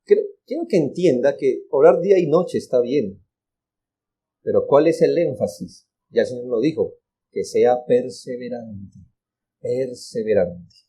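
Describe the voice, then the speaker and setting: A man's voice: medium pitch, expressive, moderate pace, dark tone, slightly rough. A male pastor with a Colombian accent preaching an earnest, exhorting sermon and repeating words for emphasis. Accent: Colombian Spanish.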